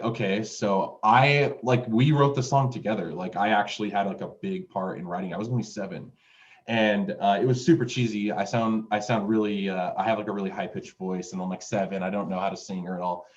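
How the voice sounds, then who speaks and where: A fairly low male voice with fairly even intonation at a normal speed. He's a music producer in his twenties from Utah, USA, rambling through his story in an interview with lots of fillers and restarts. The recording sounds dull and lo-fi.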